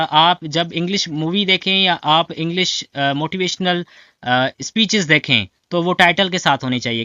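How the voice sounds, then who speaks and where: A man's voice: on the high side, sharp tone, smooth, no echo. A man giving an English lesson as a lecture. He explains patiently, mixes in English phrases and keeps checking in with "right". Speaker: English teacher. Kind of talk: spoken lecture. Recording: dull lo-fi, dry.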